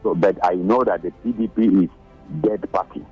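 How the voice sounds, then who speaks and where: A man calling into a radio show, earnest and halting as he asks his question. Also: low-pitched, warm tone, slightly rough, faint music behind. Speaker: radio caller. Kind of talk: phone-in call. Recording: dull phone line into radio.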